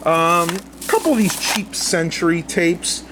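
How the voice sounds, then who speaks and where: In a rough recording with a little hiss or hum, a man with a high-pitched, sharp-toned voice speaks a bit slowly. He's at home, showing viewers his newly acquired vintage cassettes and thinking out loud in a loose, colloquial, unscripted way.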